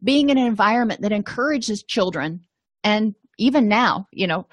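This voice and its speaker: A middle-aged woman from Florida talks through a course lesson at a medium pitch. She is chatty and self-deprecating, with lots of easy asides. The recording is close and dry, with no room sound. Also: expressive, moderate pace, no echo. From Florida, USA. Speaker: counseling course instructor. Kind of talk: informal lecture.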